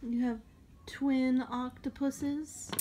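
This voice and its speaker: A woman's voice: sits high, little pitch movement, very slow, warm tone, slight background noise. A woman casually chatting off camera, prompting her daughter with easygoing questions during a home video. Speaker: parent filming her daughter's toy haul.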